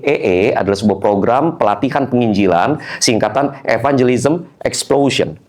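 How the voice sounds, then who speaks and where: A man's voice: medium pitch, normal speed. A man preaching a sermon in a church, telling stories and acting out the people in them, often turning to address the congregation. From Indonesia. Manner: animated, acts out characters in dialogue, addresses congregation often. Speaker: pastor. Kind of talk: sermon with storytelling. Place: church hall.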